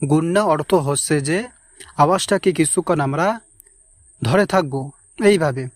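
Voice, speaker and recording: A man teaching the correct pronunciation of a short Arabic chapter, chanting each word slowly and explaining in calm asides. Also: fairly high pitch. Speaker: Quran recitation teacher. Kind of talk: slow recitation lesson.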